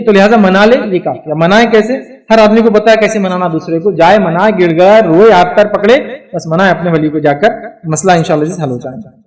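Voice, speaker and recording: A man's voice: high voice, darkish tone. A middle-aged man giving a religious advice talk to a live audience, emphatic and full of rhetorical check-ins. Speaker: lecturer answering audience questions. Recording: voice picked up from a distance.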